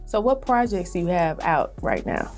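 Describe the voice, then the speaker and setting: Upbeat woman hosting a hip hop interview, kinda low voice, faint music under it. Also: very animated, normal speed, a little mellow. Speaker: interview host.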